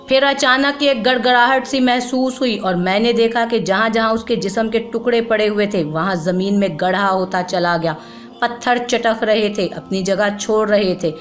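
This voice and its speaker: A woman narrating a novel in a steady, measured storytelling voice. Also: mid-range voice.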